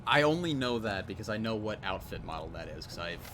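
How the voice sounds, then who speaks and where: A man's voice: fairly low pitch, quick pace. A young man hosting a game stream, chatting casually in a rambling, joking, self-deprecating way. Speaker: host and mod creator. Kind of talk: casual chat while playing a game. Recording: steady background noise.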